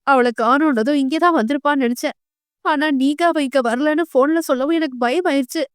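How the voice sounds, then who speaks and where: A frantic, weeping middle-aged mother from an audio novel, as a woman narrator puts her on. She wails in a high voice. The recording is dry and close. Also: fairly quick, no room sound, natural voice. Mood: fretful. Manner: wailing, panicked.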